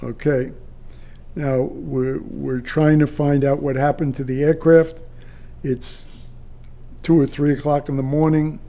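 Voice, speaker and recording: Telling a personal story unscripted, a retired air traffic controller, an older man, halts and lingers in long pauses. His voice leans high, with a level, warm tone and some creakiness.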